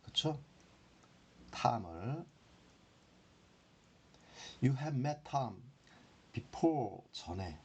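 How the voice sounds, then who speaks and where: Slow, gravelly grammar teacher. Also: male voice, medium pitch, sing-song, a little mellow. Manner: slow, repeats example sentences with long drawn-out pauses. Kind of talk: classroom grammar lesson.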